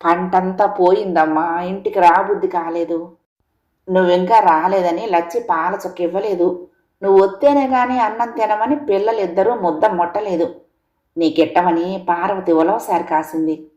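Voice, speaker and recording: A woman voicing an elderly village mother who speaks gently and consolingly in a storybook reading. The recording has a roomy echo. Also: on the low side, fairly even intonation, moderate pace, lo-fi sound, natural voice. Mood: tender. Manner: gentle, consoling rural speech. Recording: echoey room.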